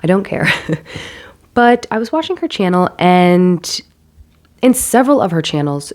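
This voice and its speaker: A stay-at-home mom vlogging casually, sounding nasal from a cold, chatty and self-deprecating with rambling asides, holding a handheld mic at home. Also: female voice, fairly low pitch, darkish tone. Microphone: handheld microphone.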